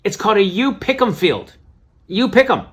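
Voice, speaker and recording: A man voicing his bubbly, overeager wife in a comedy bit, high and excited. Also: normal speed, natural voice. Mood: gushing.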